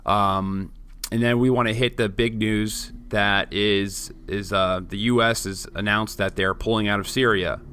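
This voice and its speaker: A man's voice: on the low side, steady tone, unhurried, pushed and bright, slight background noise. A man in his late twenties co-hosting a casual podcast chat, joking and rambling with many restarts. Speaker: podcast co-host.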